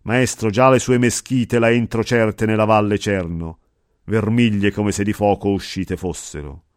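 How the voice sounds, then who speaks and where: A man's voice: lowish voice, fairly even intonation, unhurried, dry recording, studio quality, close to an everyday voice. A man voicing an earnest, fearful male pilgrim poet, speaking in verse. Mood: curious. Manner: pleading, earnest recitation of verse.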